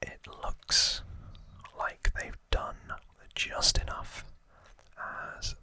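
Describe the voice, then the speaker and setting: A man whispers in a very bright, breathy ASMR style, with no full voice behind it, informally hosting a trivia recap and musing through it with hesitant asides. He speaks extremely slowly, and there's no echo.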